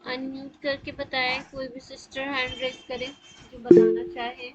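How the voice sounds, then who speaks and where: High-voiced woman teaching online. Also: flat delivery, faint music behind, rough recording. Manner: encouraging, code-switching with English words. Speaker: tajweed teacher. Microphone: video call.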